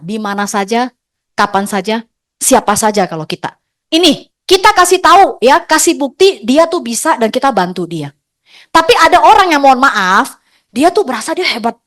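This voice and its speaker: A middle-aged woman, giving a lively, chatty motivational stage talk as an agency leader, teasing her audience. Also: on the high side.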